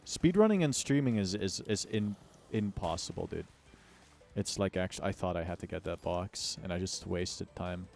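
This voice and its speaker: A deep, animated American voice with vocal fry and a darkish tone talks at normal speed, accompanied by a little hiss or hum. He's a game streamer joking in slang and hamming up complaints during casual livestream chat, with music in the background.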